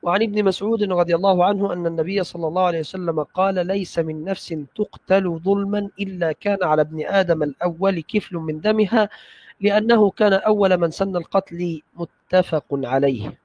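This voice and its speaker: A man with a somewhat high voice reads classical religious texts aloud, steady and careful. The sound is dull and lo-fi, with a dry, close feel. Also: no room sound. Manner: measured, careful recitation with brief checks of the text. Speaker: student reading hadith texts aloud. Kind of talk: classical text recitation in a study session.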